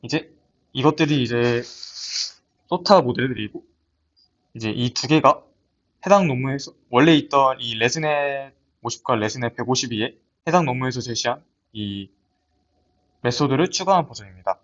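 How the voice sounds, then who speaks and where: A man's voice: mid-range voice, moderate pace, long pauses, fairly bright tone. A young man gives a research paper presentation in a lab seminar, talking hesitantly with frequent restarts and fillers. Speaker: student presenter. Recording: dull lo-fi audio.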